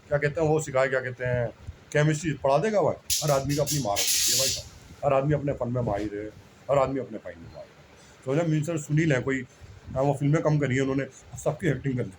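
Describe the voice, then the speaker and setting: A religious speaker with a slightly high, somewhat mellow male voice rambles casually, humbly repeating himself and putting himself down. He keeps calling the listener "bhai sahab," like a brother. The audio is poor, with slight background noise.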